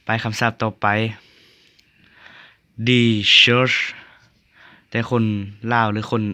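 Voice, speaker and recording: A young man with a Lao accent giving a casual video lesson on English pronunciation, repeating each word slowly to show how it is said. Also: medium pitch, little pitch movement, fairly bright tone, smooth, no room sound. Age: young adult.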